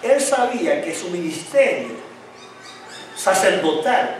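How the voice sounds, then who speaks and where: In a very echoey church hall, recorded from a distant mic with slight background noise, a male pastor preaches slowly in a high, sing-song voice. His sermon uses call-and-response questions for the congregation, and he mentions a tongue-tie that tangles his speech.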